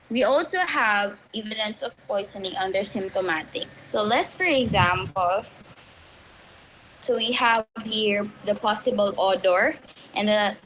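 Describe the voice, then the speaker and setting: A woman with a Cebuano Filipino accent giving a classroom lecture, explaining in a halting way with many fillers. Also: mid-range voice, fairly bright tone, a little hiss or hum, rough recording.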